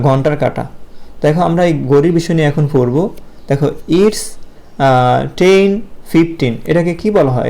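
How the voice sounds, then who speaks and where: A man with a Bangladeshi Bengali accent teaching a video lesson to young pupils. He explains slowly and patiently, asks his own questions and answers them, with many filler pauses. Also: on the high side, creaky, warm tone.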